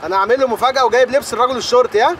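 A vain, boastful husband with an Egyptian accent, talking very fast in a high voice. Traffic and street noise are heard behind him. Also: male voice, a bit bright. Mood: chatty. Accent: Egyptian Arabic. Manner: boastful, chatty. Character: vain, chatty husband on the phone. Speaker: actor. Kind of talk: TV comedy series acting.

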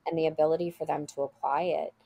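A woman's voice: low voice, fairly even intonation, quick pace, creaky, warm tone, husky. A woman guest telling heartfelt stories about her school in a casual interview over a video call. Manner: earnest, heartfelt storytelling.

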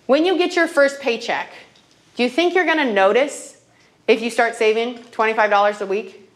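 A financial literacy trainer in her thirties runs a classroom money workshop, telling stories and repeatedly checking in with "okay?". Her voice is fairly high and she speaks at a normal speed.

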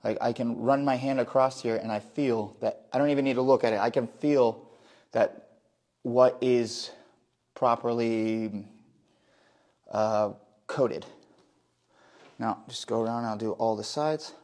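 Woodworker, 30s, male, mid pitch, talks while working in a big workshop, restarts often, phone mic a few meters off. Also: steady tone, unhurried, long pauses, darkish tone. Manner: explains while working, restarts and self-corrections. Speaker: woodworker doing a live demo. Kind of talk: hands-on live demonstration. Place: large indoor wood workshop. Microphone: phone camera a few meters away.

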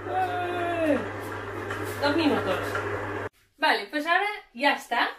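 With a high-pitched, animated voice and a slow pace, a woman walks through a recipe step by step as she cooks at home for a casual cooking show demonstration. A camera mic sits across the kitchen, and the room sounds echoey with clattering noise.

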